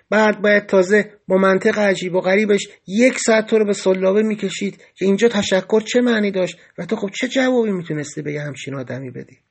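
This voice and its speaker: A man narrating a first-person story for an audiobook in a reflective storytelling manner. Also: sits high.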